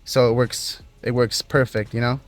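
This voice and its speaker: A man's voice: mid-range voice, flat delivery, normal speed, faint music behind. A man who runs a custom car shop, talking casually to his viewers and rambling loosely with fillers and restarts.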